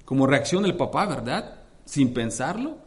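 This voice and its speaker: A man's voice: big pitch swings, unhurried. A male pastor preaching a sermon with fervent energy, reading scripture aloud and often addressing the congregation as brothers. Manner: reads scripture aloud with dramatic rises in pitch and force.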